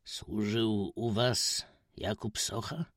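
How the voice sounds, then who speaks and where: A reserved, world-weary gentleman stranger, voiced by a man reading aloud, speaks low, slow and hushed. His words come carefully, a little lower than the storyteller's own voice, in a dry close recording. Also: fairly even intonation, no room sound. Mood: quiet curious. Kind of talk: audiobook character voice.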